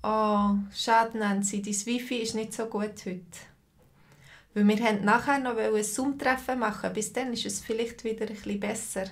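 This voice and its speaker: A woman's voice: a little high, fairly even intonation, moderate pace. A woman teaching a live online language lesson over a video call, patiently greeting students by name and asking how they feel.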